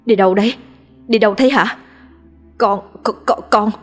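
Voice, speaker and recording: A woman's voice: medium pitch, normal speed, faint music behind, lightly acted. Anxious young husband calling out, read by a woman. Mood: stunned. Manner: urgent calling. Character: young husband, anxious then stunned, man.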